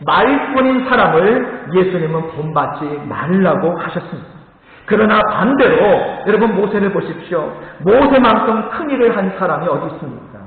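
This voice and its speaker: A male pastor preaches a Sunday sermon in a church, telling stories and addressing the congregation directly. His voice is high and swings widely. It rings through a long hall reverb with a tinny, phone-like tone. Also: moderate pace. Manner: animated storytelling, calls to the congregation. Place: church sanctuary. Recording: echoey hall, thin phone-like sound.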